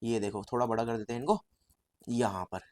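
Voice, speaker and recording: A man teaching statistics as a story, lively and repetitive, often calling his viewers brother. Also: mid-range voice, a little fast. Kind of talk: storytelling lecture.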